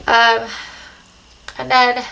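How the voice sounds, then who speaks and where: A woman's voice: fairly high pitch, completely flat delivery, drawn-out words, creaky, bright, forceful tone. A young woman talking hesitantly in a casual video diary, short of breath and congested just after nose surgery. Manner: hesitant, rambling.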